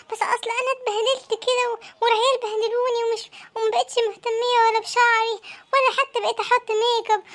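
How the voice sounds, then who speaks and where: Brief: performer voicing an exhausted young Egyptian mom in a cartoon, shrill and bright, complaining in a rush. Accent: Egyptian Arabic. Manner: exasperated ranting, whiny. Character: fed-up Egyptian young mother of three. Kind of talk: cartoon comedy voice acting.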